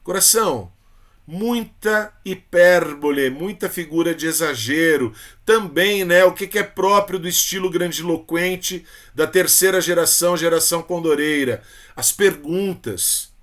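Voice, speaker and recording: A man's voice: on the high side, a little slow, fairly bright tone. A man with a Brazilian Portuguese accent teaching a literature lesson for exam prep, chatty and informal, with frequent tag questions and fond terms of address for his students.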